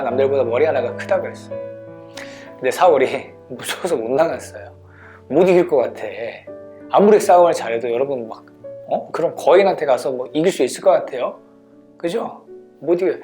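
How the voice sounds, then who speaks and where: A children's ministry teacher at a church, telling a Bible story in a lively way and asking the children questions. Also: medium pitch.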